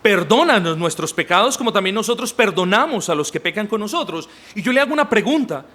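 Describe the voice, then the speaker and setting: Emphatic preacher with a lively, high voice. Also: male voice, quick pace. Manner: emphatic, addresses the congregation directly. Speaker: pastor. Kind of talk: sermon. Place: church.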